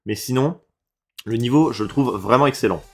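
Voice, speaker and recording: A man from France giving casual reaction commentary on video game levels, swinging between low mutters and excited, swearing outbursts. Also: normal speed, faint music behind. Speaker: reaction streamer.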